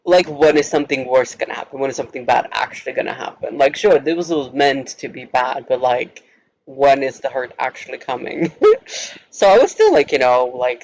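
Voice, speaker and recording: A man's voice: mid-range voice, gravelly, a little mellow, slight background noise, rough recording. A young man from Norway, a native Norwegian speaker, telling a story to camera in a casual, rambling vlog style, giggling often and filling his speech with filler words. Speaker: vlogger.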